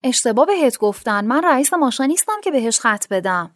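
An actress playing a gentle, earnest young woman in a narrated radio drama, speaking softly and sincerely. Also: fairly high pitch, very animated, dry recording, studio quality.

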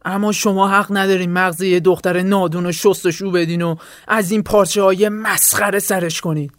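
A woman voicing an angry, violent young man who shouts threats. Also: mid-range voice, fairly even intonation, dry recording, clean studio sound, close to an everyday voice. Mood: furious.

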